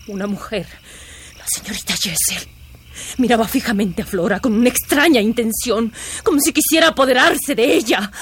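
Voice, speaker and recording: A haunted young governess in a radio play, her high, breathy voice urgent and intense, often sinking to whispers. She sounds overwrought and driven. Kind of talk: radio drama acting.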